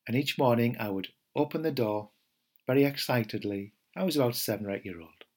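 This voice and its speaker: A middle-aged man, a meditation teacher giving a gentle, unhurried podcast talk with fillers and restarts. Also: medium pitch, breathy edge.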